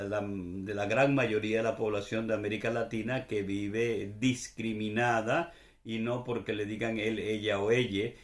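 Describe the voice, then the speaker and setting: A Venezuelan man speaks in a slow, unhurried monologue, rambling and pausing often to think aloud. His accent is Venezuelan Caribbean Spanish, and the room around him has a noticeable echo. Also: fairly low pitch. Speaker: Spanish language podcast host. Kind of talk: relaxed spoken monologue.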